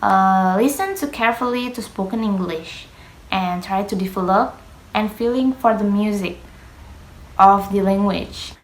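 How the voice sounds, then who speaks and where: A woman's voice: mid-range voice, measured pace. A young woman who speaks Indonesian as her first language, giving a hesitant class presentation on pronunciation, with many fillers and grammar slips. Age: young adult. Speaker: student presenter. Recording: echoey room.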